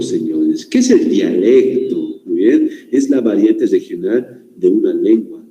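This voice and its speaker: Man, classroom lecture, very mellow tone, roomy echo. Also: fairly low pitch. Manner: questioning, checks in with listeners often. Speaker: teacher. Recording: echoey room.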